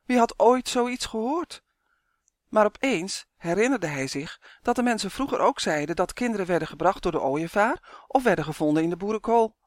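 An audiobook narrator reading a children's fantasy story in a steady, clear way that livens up in tense moments. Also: mid-range voice, a little fast, dry recording, studio quality.

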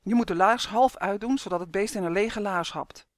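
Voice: medium pitch, normal speed, no echo, clean studio sound, natural voice. An audiobook narrator voicing a cautious, worried young man who is anxious and pleading. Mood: alarmed. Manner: anxious, pleading, rising to shouts.

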